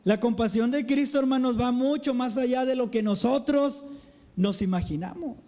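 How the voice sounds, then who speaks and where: High-voiced preacher, slow and emphatic. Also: male voice, mellow. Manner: preaching with repeated address to the brethren; slow, emphatic delivery with dramatic drops. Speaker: pastor. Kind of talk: sermon. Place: church.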